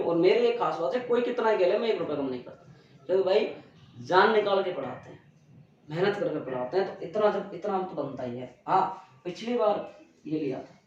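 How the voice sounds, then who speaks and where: A man's voice: high voice, a little mellow, a little hiss or hum. Blunt young male teacher in echoey classroom. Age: young adult. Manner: earnest, lecturing students directly, blunt. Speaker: coaching teacher. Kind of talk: classroom motivational talk. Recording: very echoey room, distant mic, dull sound.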